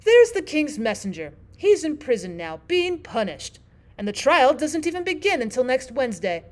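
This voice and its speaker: Casting: a woman as a dotty old storybook queen, high-pitched, loud and bossy, with big melodic swoops. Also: sing-song, normal speed. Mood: airy, emphatic. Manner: loud, emphatic, exclamatory, bossy yet scatterbrained.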